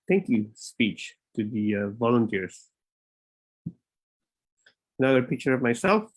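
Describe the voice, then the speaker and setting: Casual man hosting a live webinar. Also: medium pitch. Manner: informal, rambling, with frequent fillers and restarts. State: a bit out of breath. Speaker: immigration consultant and webinar host.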